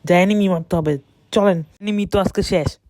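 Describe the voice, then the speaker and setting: A woman gives excited, boastful running commentary while playing a shooter game, speaking close to the mic. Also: medium pitch, normal speed, no echo. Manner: excited, boastful self-talk. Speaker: gamer streamer. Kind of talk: live gameplay commentary.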